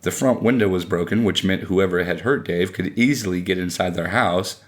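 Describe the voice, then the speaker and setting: Male audiobook narrator, lowish voice, steady measured storytelling.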